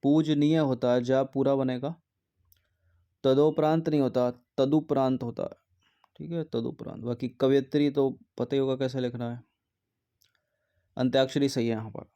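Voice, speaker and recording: Mellow-voiced man teaching Hindi grammar. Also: medium pitch, steady tone, moderate pace, highs cut off. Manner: methodical, reads options aloud then corrects each. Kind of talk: exam question walkthrough.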